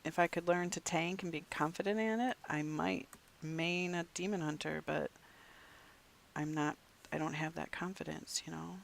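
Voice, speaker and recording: A game streamer chats with viewers from home in a loose, rambling way. The voice carries a gravelly texture, and now and then it falls to a soft muttered aside. A light hiss sits under the recording. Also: medium pitch, fairly even intonation, moderate pace. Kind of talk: casual gameplay chat to viewers.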